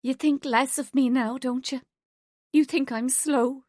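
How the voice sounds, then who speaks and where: A woman voicing an earnest, naive young woman who talks in a bright, pleading way. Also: sits high, fairly even intonation, unhurried, no room sound, clean studio sound, pitched above the performer's own voice.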